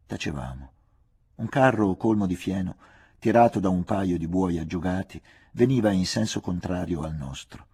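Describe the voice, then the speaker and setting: A man reading a literary novel aloud in a measured, hushed, intimate way. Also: sits low, lively intonation, slightly rough. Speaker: audiobook reader. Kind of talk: literary audiobook narration.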